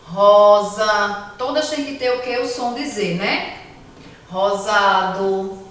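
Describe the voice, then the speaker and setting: A Brazilian woman teacher talks slowly and patiently to children, her voice a touch high. She stands off the mic in a very echoey room. She drags out each word as she sounds it out. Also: fairly bright tone, distant mic, a little hiss or hum. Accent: Brazilian Portuguese. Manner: slow, patient, sounds out words. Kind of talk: remote class lesson for children.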